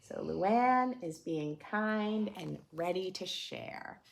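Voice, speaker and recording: A woman with a voice on the low side, full of vocal fry, takes her time as she reads expressively. She's hosting a read-aloud for preschoolers, dramatizing a picture book and weaving in simple teaching questions and explanations.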